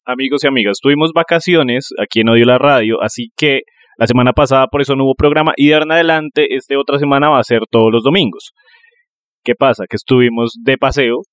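Colombian man, middle pitch, loose joking co-host banter, dry phone recording. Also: no echo. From Neiva, Colombia. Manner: joking, slangy, rambling. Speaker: podcast co-host. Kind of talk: casual chat.

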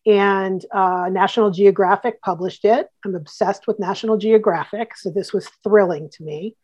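A woman's voice: mid-range voice, steady tone, moderate pace, darkish tone, breathy edge, highs cut off. A woman from Ohio chats as a guest author. She is enthusiastic and talkative, her voice in a mid range. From Columbus, Ohio. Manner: enthusiastic, chatty, many fillers. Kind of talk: casual interview chat.

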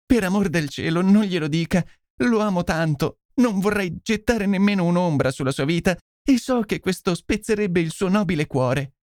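A male reader puts on a young noblewoman in distress, her voice pitched high above his own. She begs and confesses in a breathless, imploring rush, and it is read close to the mic in a dry booth. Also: expressive, moderate pace, darkish tone, dry recording, close to an everyday voice. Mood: pleading. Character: desperate noblewoman, young, pleading and tearful. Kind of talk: audiobook character voice.

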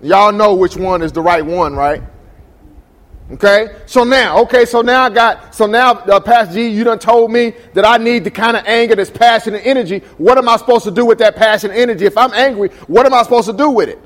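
Man, high pitch, pastor, preaching to a congregation, calls out questions, echoing sanctuary. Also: brisk, fairly bright tone. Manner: call-and-response preaching, asks the congregation questions. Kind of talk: sermon. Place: church sanctuary.

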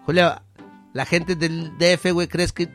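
A man's voice: on the high side, level tone, measured pace, fairly bright tone, faint music behind. A man with a Mexican accent hosting a podcast, joking around with crude slang and lots of filler. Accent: Mexican Spanish. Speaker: podcast host. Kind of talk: casual podcast chat.

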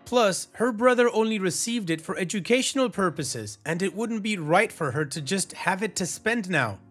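A man's voice: sits high, animated, moderate pace, a bit bright, breathy edge, soft background music. A man hosting a podcast, reading posts aloud and giving blunt, opinionated commentary with some sarcasm. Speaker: podcast host.

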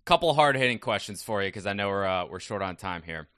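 Upbeat male interviewer with a bright, punchy voice and dry, close sound. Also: lowish voice, animated, quick pace, smooth, no echo. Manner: upbeat, chatty questioning. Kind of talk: casual interview questions.

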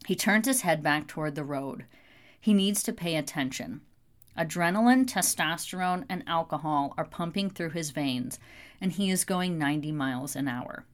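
A woman reading an audiobook in steady scripted narration. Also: low-pitched, moderate pace.

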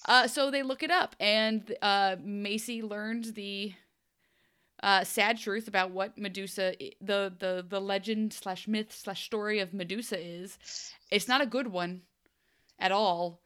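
A young woman co-hosting a podcast, recapping a TV episode in casual chat, animated and chatty with playful asides. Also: medium pitch, unhurried, smooth. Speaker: podcast co-host.

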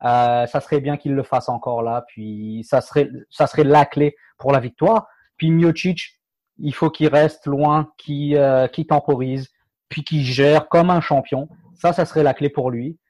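A man chatting casually about fighting sports as a podcast co-host, halting with many fillers and restarts. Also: a little high, steady tone, a little mellow, dry recording.

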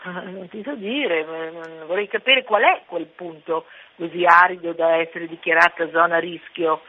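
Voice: mid-range voice, moderate pace. A caller speaking to a radio show over the phone, chatty but hesitant, often restarting words. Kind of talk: casual call-in chat. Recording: narrow phone line.

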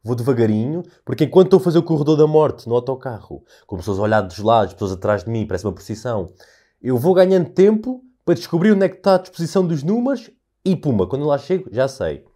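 Mellow-voiced young Portuguese podcaster ranting. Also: male voice, mid-range voice, quick pace. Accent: European Portuguese. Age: young adult. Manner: animated storyteller, ranting, swears freely. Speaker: podcast host. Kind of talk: casual solo podcast monologue.

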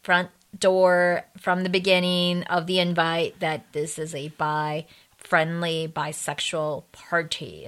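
A woman's voice: lowish voice, a bit bright. A woman co-hosting a podcast in casual chat, jumping in to finish her partner's sentences. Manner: chatty, jumps in to finish his sentences. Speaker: podcast co-host.

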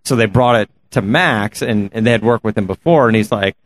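A man's voice: mid-range voice, brisk, no room sound. A man chatting casually, sharing bits of car history in a conversational way. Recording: clear background noise and ambience. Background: ambient noise.

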